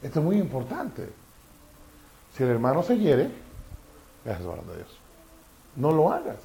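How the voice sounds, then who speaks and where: A man's voice: medium pitch, moderate pace, creaky. A man preaching a sermon, often asking the congregation questions. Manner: animated, asks the congregation questions.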